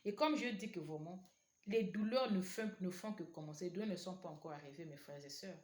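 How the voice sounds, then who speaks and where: Speaking a little fast in a low, slightly mellow voice, a woman whose first language isn't French exhorts online viewers in a sermon. She preaches earnestly and repeats herself, and the recording has an echoey room sound.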